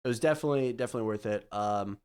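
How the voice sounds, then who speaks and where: A young man hosting a casual chat, sick and raspy, relaxed and full of fillers, trailing off quietly. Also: mid-range voice, rapid-fire. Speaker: podcast host.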